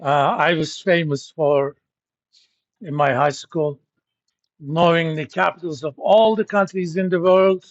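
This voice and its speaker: Middle aged prof from turkey, blunt n jokey, kinda high voice, dry lo-fi class recording. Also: male voice, fairly even intonation, measured pace, no echo. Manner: blunt, joking, informal. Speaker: university professor. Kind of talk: classroom lecture.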